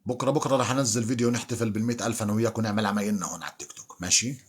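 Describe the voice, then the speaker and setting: Husky, low-voiced man. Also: steady tone, very fast. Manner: teasing, bantering. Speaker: livestream host. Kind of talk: casual live chat with viewers.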